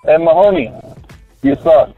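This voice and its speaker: A man's voice: fairly high pitch, animated, unhurried, over music. Guy ranting on a voicemail over the phone, teasing and offhand, muffled lo-fi sound. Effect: heard over a phone line as a voicemail. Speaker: listener leaving a voicemail. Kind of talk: casual voicemail message.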